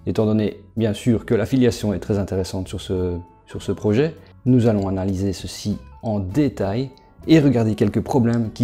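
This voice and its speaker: A man giving a casual screen walkthrough as a YouTuber, talking straight to the viewer and halting with fillers. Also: lowish voice, mellow. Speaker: crypto investment YouTuber.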